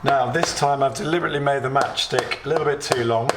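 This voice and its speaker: In an echoey home workshop or kitchen, with faint hiss in the background, a UK man with a British English accent hosts a relaxed DIY video. His cold leaves his mid-range voice slightly hoarse, and he speaks quickly with fairly even intonation, chatting through each step plainly with little asides.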